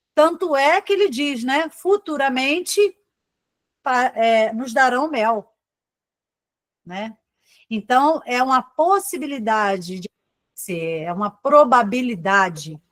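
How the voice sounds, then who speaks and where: A woman's voice: high voice, dry recording. A woman teacher with a Brazilian Portuguese accent giving a live online exam-prep class, chatty, calling on students by name and tagging her points with "tá?" and "né?". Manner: chatty, addresses students by name, frequent "tá?" and "né?" tags.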